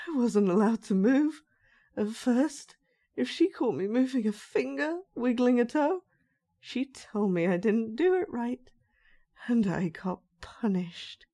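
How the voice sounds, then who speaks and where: A woman with a medium-pitched voice delivers a roleplay monologue as a sinister dollmaker with magic powers. She speaks softly to the listener, coaxing and condescendingly gentle.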